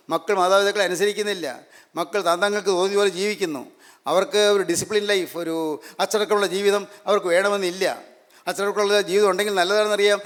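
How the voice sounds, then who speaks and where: A man's voice: high voice, fairly bright tone. A man preaching a sermon, emphatic and repetitive, full of rhetorical questions. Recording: long hall reverb.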